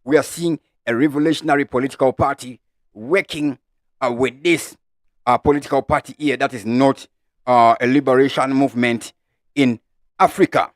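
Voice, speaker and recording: A man with a Zimbabwean accent hosting a live-streamed political commentary show, talking through the news with many filler "uh"s and shout-outs to viewers. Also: medium pitch, steady tone, normal speed, no room sound, studio quality. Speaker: host of a live online news channel.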